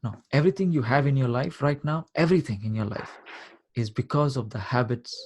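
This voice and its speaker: A man with a husky, slightly breathy voice leads a live coaching session over a video call. He explains step by step, circles back to repeat his key points, and keeps checking that his listener is following. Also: medium pitch, a little fast, a little mellow. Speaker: life coach.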